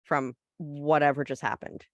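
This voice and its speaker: A player in a tabletop game, describing their character's feelings in a reflective, halting way. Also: mid-range voice, level tone, no echo, highs cut off.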